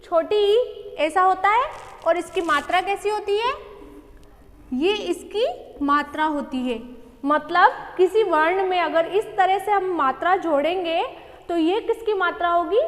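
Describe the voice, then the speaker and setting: Slow, patient high-voiced woman teacher. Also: in a large hall. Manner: slow, patient, asks questions and answers them herself. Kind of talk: online Hindi lesson for young children.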